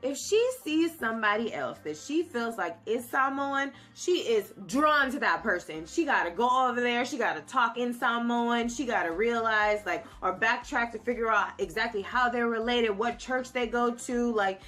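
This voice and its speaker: A young American woman vlogging, telling a story in a casual, animated way and acting out the voices of people she quotes. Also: fairly high pitch, moderate pace, few pauses, faint music behind. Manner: animated, acts out quoted dialogue.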